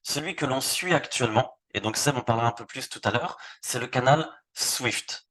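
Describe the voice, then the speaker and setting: A man from France hosts a live online presentation at a middling pitch. He talks loosely and often stumbles over repeated words while showing pages on screen. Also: normal speed, fairly bright tone. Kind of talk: live webinar product demo.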